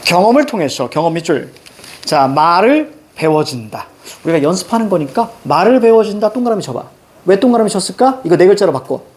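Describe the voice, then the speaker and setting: A man's voice: sits high, a little fast. A middle-aged man teaching a reading lesson in a classroom, directing students step by step on what to underline and circle. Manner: animated, directive, drills students on reading steps. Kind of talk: classroom lecture. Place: classroom with blackboard.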